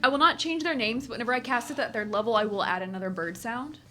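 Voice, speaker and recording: A woman's voice: on the high side, fast, music in the background. A woman player in a tabletop game, talking in a playful, enthusiastic way. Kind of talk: casual tabletop banter.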